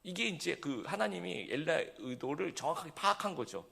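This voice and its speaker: A male pastor delivering a sermon in a relaxed, conversational way, full of fillers and asides that he puts to the congregation. His voice has a gravelly edge, and his pitch rises and falls widely as he talks. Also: brisk. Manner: conversational preaching with frequent fillers and rhetorical questions.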